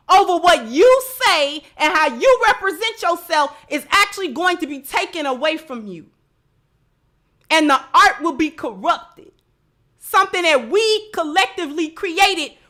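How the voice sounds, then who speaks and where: Her voice is extremely high-pitched, bright and forceful. As a livestream host, she gives emphatic, impassioned commentary, reads messages from chat, and repeats phrases to hammer her points home.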